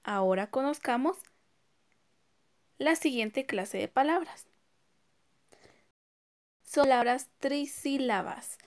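A woman's voice: fairly high pitch, darkish tone, clean tone. A woman teacher giving a recorded class, sounding out words syllable by syllable and asking her students questions.

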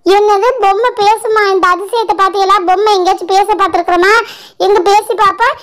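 A woman's voice: very high voice, fairly even intonation, brisk. A woman voicing a bossy, grumbling village grandmother in a doll show. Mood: scolding. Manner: scolding, complaining village Tamil.

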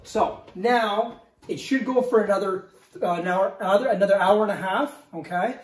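Working in his kitchen, a middle-aged man demonstrates a recipe casually, step by step, often tossing in "okay?" for his home cooking show. He speaks high-pitched at a moderate pace, recorded off-mic by a camera mic at a distance in an echoey room.

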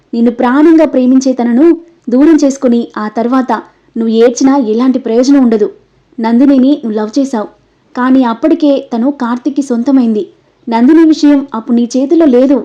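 A woman's voice: sits high, mellow, close to an everyday voice. A woman voicing an emotional, scolding young man. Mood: urging. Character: young man, pleading and scolding best friend. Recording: dull lo-fi recording.

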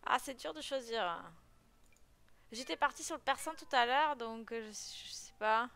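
Commenting on her gameplay, this woman is giggly and chatty, with frequent exclamations and occasional cute meows. She speaks a little slowly in a slightly high, somewhat bright voice.

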